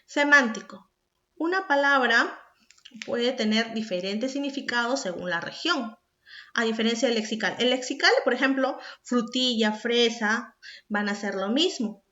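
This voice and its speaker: A woman's voice: a little high, measured pace, bright, forceful tone. A woman from Peru, a secondary school teacher explaining a recorded class and speaking directly to the student with questions. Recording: echoey room, dull lo-fi sound.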